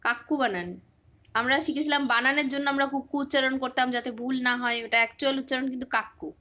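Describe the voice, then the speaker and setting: A woman with a high, bright voice leads a relaxed phonics lesson. She keeps asking short quiz questions and repeats the answers patiently. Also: racing. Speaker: teacher.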